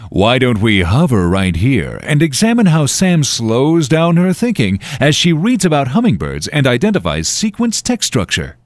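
A man's voice: medium pitch, sing-song, moderate pace, hardly any pauses, no echo, studio quality. A man narrating a scripted educational show in an explanatory, upbeat way.

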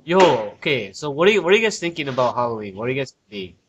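A man's voice: mid-range voice, very animated, very fast, dull audio, noisy background. A young man joking and teasing his friends in a casual group call. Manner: joking, teasing, interjects often. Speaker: commentary co-host.

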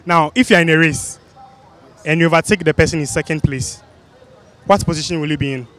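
Street quiz host: young man, West African Ghanaian accent, lightish higher voice, handheld mic outdoors. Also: brisk, a bit bright. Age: young adult. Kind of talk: street interview, repeated quiz questions. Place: busy outdoor spot under a city flyover. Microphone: handheld microphone.

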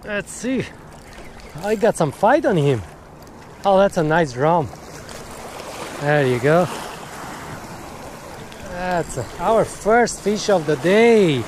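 A middle-aged fishing vlogger talks viewers through his outing on a rocky seaside jetty, calling them "guys" and getting excited when a fish bites. His voice sits high and slow, with frequent pauses. The chest-mounted action camera near the surf gives poor audio full of loud waves and wind.

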